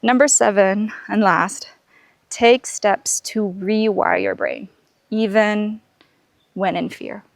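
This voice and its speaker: A woman's voice: mid-range voice, expressive, slow, vocal fry, no echo. An earnest woman gives encouraging, faith-based reflections in a casual personal vlog. She uses many "um"s, "like"s and restarts. Her voice sits in a middle range and sounds close and dry, though she is outdoors on a canopy walk. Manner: frequent fillers and restarts. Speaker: podcast host.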